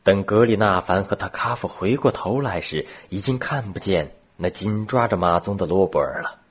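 A male storyteller reads a novel with a steady, expressive delivery. His voice is very deep and strongly husky. The sound is dull and lo-fi. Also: moderate pace. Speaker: narrator. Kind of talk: storybook narration.

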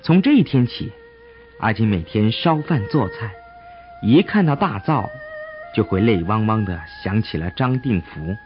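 A man narrates a folk tale with an expressive, dramatic delivery and a lively, swinging pitch. The sound is muffled, with faint music underneath. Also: a little slow. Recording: dull audio with soft music.

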